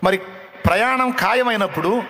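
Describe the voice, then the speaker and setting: A man's voice: sits high, moderate pace, bright, forceful tone, a little hiss or hum, pitched above the performer's own voice, low-quality recording. A man voicing a blunt jester who keeps pressing a king with raised, insistent questions.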